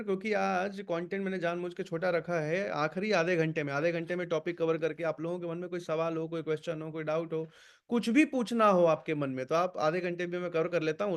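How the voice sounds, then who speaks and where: A male sales trainer speaks on a video call through his computer or headset mic. His voice sits a little high and his delivery is brisk and energetic. He keeps urging his trainees along and slips English words into his Hindi. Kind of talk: online training session.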